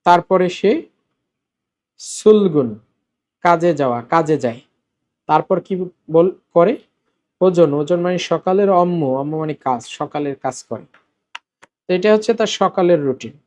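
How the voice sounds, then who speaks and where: A man teaching a Korean lesson in Bengali, explaining step by step, repeating words slowly and asking the class questions. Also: on the high side, darkish tone. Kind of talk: classroom-style language lesson.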